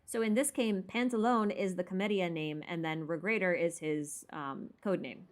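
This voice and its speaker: This livestream host speaks at a normal speed with a voice on the low side. She chats casually and thinks aloud about a game and its lore while background music plays.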